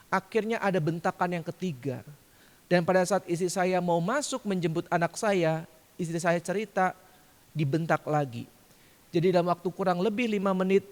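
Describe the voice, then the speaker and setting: High-voiced man preaching in a hall. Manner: storytelling, acts out quoted shouts. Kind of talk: sermon testimony. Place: large church hall. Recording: long church hall reverb.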